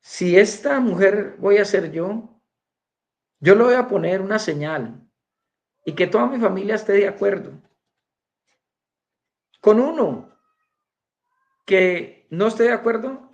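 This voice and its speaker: A man's voice: sits high, expressive, a little slow, long pauses, voice pushed up. A man voicing an earnest young churchwoman praying and pleading, in a raised voice.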